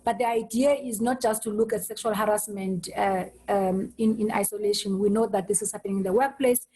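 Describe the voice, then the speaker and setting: A woman hosting an online meeting over a video call, speaking haltingly and restarting her words often. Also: mid-range voice, fairly even intonation, dark tone, slightly rough, poor audio. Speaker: host.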